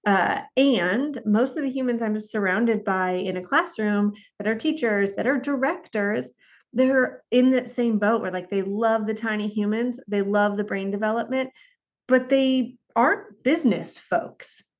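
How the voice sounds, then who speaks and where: A woman's voice: a little high, measured pace. A woman in her thirties hosting a podcast, upbeat and chatty in casual interview talk. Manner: upbeat, chatty, says y'all and rad. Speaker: podcast host.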